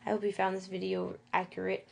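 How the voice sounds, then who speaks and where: A woman's voice: medium pitch, monotone, gravelly, slight background noise. Lisping woman giving an informal tutorial. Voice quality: lisp with whistling s sounds. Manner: halting, self-conscious, checks in with "okay, cool". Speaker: tutorial presenter.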